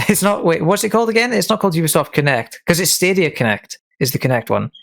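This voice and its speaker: A man hosting a gaming podcast in casual chat, talkative, stammering and quick to correct others. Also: on the high side, big pitch swings, vocal fry, a bit bright.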